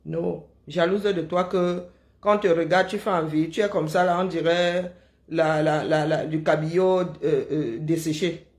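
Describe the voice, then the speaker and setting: A woman's voice: sits low, steady tone, measured pace, darkish tone. A middle-aged woman, chatting casually on a live stream and answering viewers in a teasing, sarcastic way, often tagging her sentences with "hein?". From Kribi, Cameroon.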